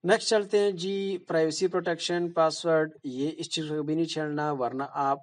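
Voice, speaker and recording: A man's voice: a little high, fairly even intonation. Man explaining phone settings casually. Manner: plain, repetitive explaining with fillers and "bhai" asides. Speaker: tutorial presenter. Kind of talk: casual screen-recorded phone tutorial.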